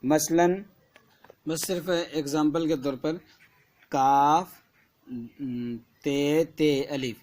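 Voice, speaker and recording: A man teaching an alphabet lesson to children, with a Kashmiri Urdu accent, spelling each word slowly letter by letter. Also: fairly high pitch, steady tone, darkish tone. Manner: slow syllable-by-syllable spelling drills.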